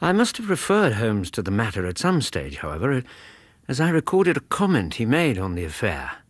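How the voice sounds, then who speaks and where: An actor playing a loyal, decent Victorian English doctor in a radio drama, earnest and gentlemanly in dialogue and narration. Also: male voice, mid-range voice, huge pitch swings, normal speed. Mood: reflective narration.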